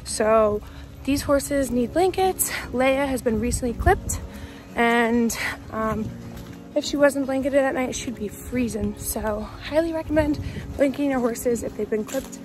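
This twenty-something woman vlogs outdoors on a farm with her phone held out at arm's length, breathless from running, bubbly and chatty, using a baby voice with the animals. Her high voice is a little slow. Music runs over the poor-quality audio.

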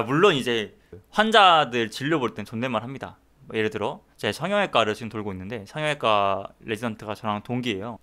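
Joking young Korean-speaking man, lively pitch. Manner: joking, teasing, acts out quoted voices. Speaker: doctor vlogger streaming. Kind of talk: casual livestream chat.

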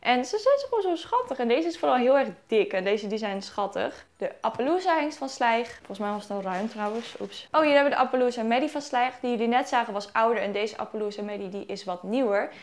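A woman's voice: fairly high pitch, quick pace, hardly any pauses. Chatty young woman unboxing toys. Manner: chatty, self-correcting, giggly asides. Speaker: vlogger. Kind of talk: casual unboxing chat. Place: at home in sunlight.

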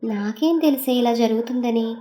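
A woman's voice: fairly high pitch, moderate pace, dark tone, soft background music, natural voice. A woman voicing a playful, teasing husband who talks in an easygoing way.

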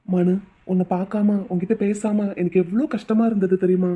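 A woman's voice: medium pitch, steady tone, a little fast, slightly rough, close to an everyday voice. A woman voicing a pleading rich young man. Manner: pleading, tender. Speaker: voice actor. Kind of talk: cartoon drama dubbing. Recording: tinny phone-like audio.

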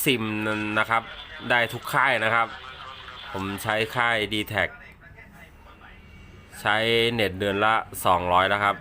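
A man giving a casual hands-on unboxing demonstration, speaking haltingly and repeating words as he handles items. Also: on the low side, steady tone, pushed and bright. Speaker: unboxing presenter.

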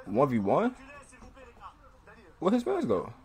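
A man's voice: a little high, wildly swooping pitch, slow pace, a little mellow, slight background noise. A man hosting a reaction video, giving laid-back, slangy commentary on a fight with frequent exclamations and chuckles.

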